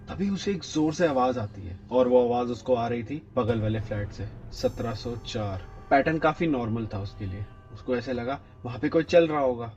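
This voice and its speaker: Man telling a suspenseful horror story. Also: a little mellow. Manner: suspenseful, dropping low on tense moments. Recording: dull lo-fi with faint music.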